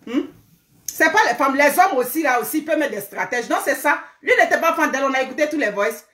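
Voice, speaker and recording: High-voiced scolding woman. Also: animated, quick pace, pushed and bright, roomy sound. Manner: scolding, emphatic, repeats words and asks rhetorical questions. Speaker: online commentator. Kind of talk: live social media commentary.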